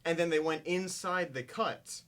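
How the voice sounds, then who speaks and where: A woman's voice: fairly low pitch, a little slow. Young woman, wry remarks over crowd chatter. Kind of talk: casual chat.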